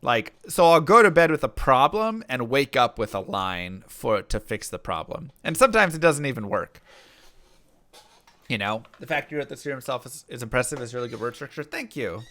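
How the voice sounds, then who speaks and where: Here a man who streams and raps answers his live chat casually, reading the messages out loud. His medium-pitched voice is expressive and sharp at a moderate pace. He rambles, often restarting and using fillers, and there's no room sound.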